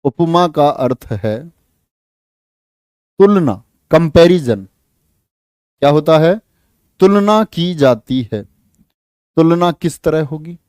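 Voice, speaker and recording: A male teacher giving an online exam-prep class, lively, asking students questions and acting out quoted lines in a raised voice. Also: a little high, takes it slowly, long pauses, no echo, clean studio sound. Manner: asks students questions and repeats key words.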